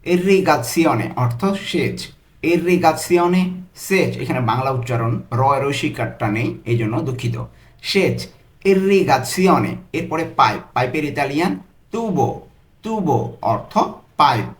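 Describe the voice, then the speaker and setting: A man with a somewhat high voice leads a slow vocabulary drill, stretching out each foreign word and repeating it with its meaning. He speaks at a very unhurried pace, like a patient tutor. The recording has a noticeable echo from the room. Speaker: language tutor.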